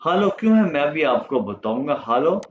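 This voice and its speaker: A man whose first language is Urdu, teaching a German lesson slowly and patiently, repeating each word for his students. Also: fairly high pitch, a bit bright, muffled recording, a little hiss or hum.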